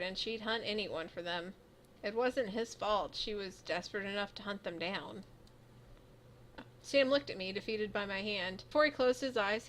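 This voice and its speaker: Expressive young woman reading a game aloud. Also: a little high, slight background noise. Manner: expressive, voices the heroine's lines and reacts. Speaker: streamer. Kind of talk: reading a visual novel aloud.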